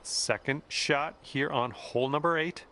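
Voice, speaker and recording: Upbeat golf commentator, bright voice. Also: male voice, on the high side, a little slow. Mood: calm, informative. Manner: casual, encouraging play-by-play. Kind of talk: golf video game commentary.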